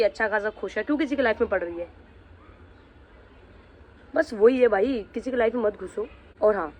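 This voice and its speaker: A man's voice: sits high, a bit bright. A man vlogging, angrily confronting someone directly and threatening to reveal the truth about them. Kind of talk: angry vlog rant.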